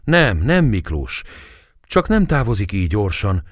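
A man reading a gentle young woman. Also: lowish voice, sing-song, no echo, studio quality. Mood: pleading.

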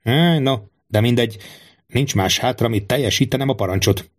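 A man's voice: medium pitch, lightly acted. A man voicing Quentin, a twenty-year-old guard muttering wryly to himself. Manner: muttering, wry.

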